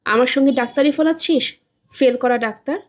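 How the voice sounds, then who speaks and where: A woman's voice: sits high, a little fast. A woman voicing a stubborn, scolding older mother in a storybook reading.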